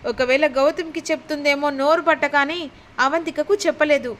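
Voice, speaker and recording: A woman's voice: high voice, fairly even intonation, normal speed, fairly bright tone. A woman voicing an anxious, scheming old grandmother in a retold serial, urgent and scolding.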